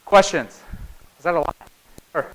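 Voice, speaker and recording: Folksy man with an Appalachian accent, higher-pitched voice. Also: normal speed, fairly bright tone, a little hiss or hum, low-quality recording. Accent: Southern Appalachian American. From small town in North Carolina, United States. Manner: folksy, conversational, checks in with "right?" and "okay?". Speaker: conference speaker, security penetration tester. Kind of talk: informal conference talk. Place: live talk before an audience.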